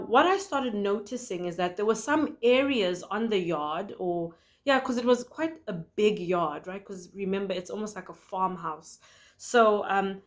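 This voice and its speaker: Woman, ministry host, earnest, conversational, telling a dream, mid-pitched voice. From South Africa. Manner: earnest, conversational, with frequent fillers and restarts. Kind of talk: sharing a prophetic dream.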